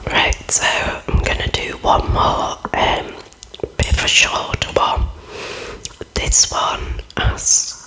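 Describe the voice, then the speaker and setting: Slow whispering horror story narrator. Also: low-quality recording. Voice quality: breathy, unvoiced whisper. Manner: hushed, deliberate storytelling.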